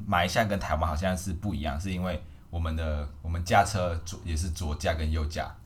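A man's voice: deep voice, fairly even intonation, fast talker. A man from Malaysia hosting a podcast, chatting playfully and mixing in English phrases. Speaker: podcast host. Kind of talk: casual chat.

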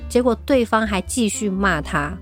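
A woman chats as co-host and tells stories with energy and laughter. Her voice sits at a middling pitch. Soft music plays quietly underneath. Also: normal speed. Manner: animated storytelling, often laughing. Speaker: podcast co-host. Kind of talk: casual chat.

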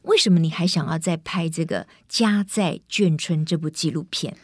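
A middle-aged woman from Taiwan hosting an interview in carefully standard Taiwanese Mandarin, clearly enunciated and effusive. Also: low voice, normal speed, dry recording, clean studio sound. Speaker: interview host. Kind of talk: conversational hosting.

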